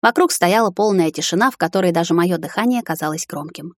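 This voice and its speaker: A woman narrating a novel in first person, with an even, expressive storytelling manner, recorded close to the mic. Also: lowish voice, quick pace, dry recording. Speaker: audiobook narrator.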